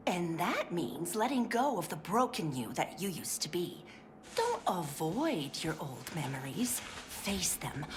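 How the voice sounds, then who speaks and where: An actress voices a game character: a sugary, overly polite 1950s woman working at a clinic, chirpy but fraying, strained and pill-addled, and prone to whispers. Her fairly low voice takes on a sugary, encouraging mood over steady background noise in these scripted lines.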